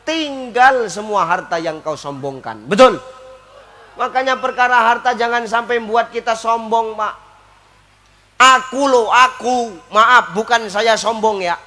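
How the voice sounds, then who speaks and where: A man's voice: very high voice, measured pace, bright, forceful tone. A man preaching a comic sermon, joking and acting out little scenes. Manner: joking, switches between Javanese and Indonesian, acts out scenes.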